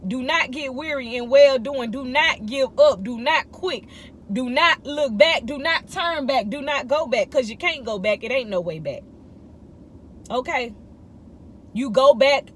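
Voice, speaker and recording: A woman in her thirties with a high voice delivers a casual morning devotional. She speaks emphatically and repeats short phrases to drive her encouragement home. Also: a little hiss or hum. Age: 30s. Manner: emphatic, repetitive exhortation in informal speech. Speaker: vlogger giving morning encouragement.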